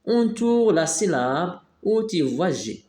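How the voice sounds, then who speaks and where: A man teaching a phonics lesson to young pupils, slowly repeating each word, sometimes switching to Arabic to explain. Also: high voice, very animated, a little mellow. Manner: slow, drawn-out repeating of words, switching into dialect Arabic for explanations. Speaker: primary school teacher. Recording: echoey room.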